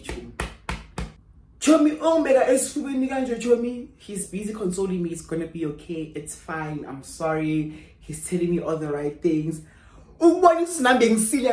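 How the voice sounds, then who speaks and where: A young South African woman with a South African accent, telling an animated storytime and mixing English with Zulu. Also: mid-range voice, reverberant. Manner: expressive, mixes English with Zulu, swings between loud and hushed. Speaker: YouTuber.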